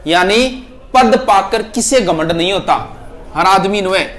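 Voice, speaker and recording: A man's voice: high-pitched, measured pace, a bit bright. A man with a Rajasthani accent teaching a class, repeating each proverb and explaining it in a chatty style with local dialect and jokes for the students.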